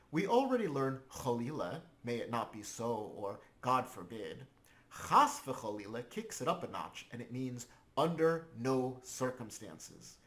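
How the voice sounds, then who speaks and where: A man teaching a scripted language lesson, explaining each point patiently. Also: medium pitch.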